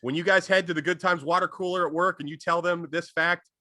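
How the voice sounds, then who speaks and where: A man's voice: high-pitched, steady tone, fast, bright, forceful tone, dry recording, clean studio sound. A man co-hosting a comedy podcast, rambling through jokes in casual chat. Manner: rambling, jokey riffing. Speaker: podcast co-host.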